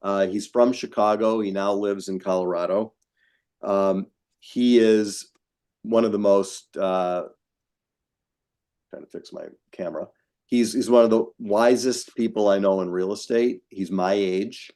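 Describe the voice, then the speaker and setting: A man's voice: on the low side, fairly even intonation, a little slow, warm tone. A man in his sixties, a guest on a video call interview, talking frankly and emphatically with self-mocking asides. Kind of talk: casual interview.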